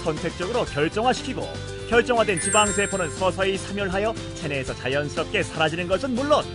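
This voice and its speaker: A man's voice: high voice, expressive, quick pace. A man narrating a TV magazine segment in a playful way, exclaiming and reacting with surprise. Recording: over loud background music.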